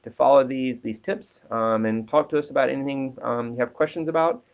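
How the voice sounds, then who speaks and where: A man talking as a counselor, giving relaxed advice with many ums and restarts. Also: mid-range voice, a little fast, gravelly. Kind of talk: casual advice talk. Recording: dull lo-fi sound.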